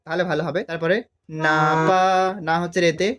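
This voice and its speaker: A man teaching a devotional song on harmonium, explaining the notes step by step and singing drawn-out phrases. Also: a little high, flat delivery, over music. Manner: explains slowly, then sings drawn-out phrases. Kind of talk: step-by-step music tutorial. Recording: harmonium loud under the voice.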